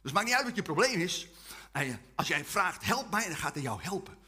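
A man's voice: high voice, big pitch swings, brisk, pushed and bright, husky. A man preaching a humorous testimony sermon to a live audience, joking and leading the crowd in call-and-response chants.

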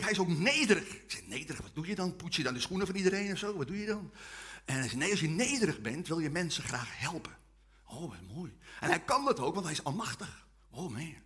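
A man's voice: high-pitched, bright, forceful tone, husky. A man preaching a humorous testimony sermon to a live audience, joking and leading the crowd in call-and-response chants.

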